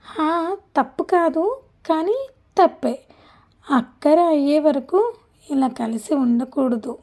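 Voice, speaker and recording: A woman's voice: high-pitched, slow pace, mellow. A woman voicing a shy, innocent young bride who speaks bashfully in an audio story.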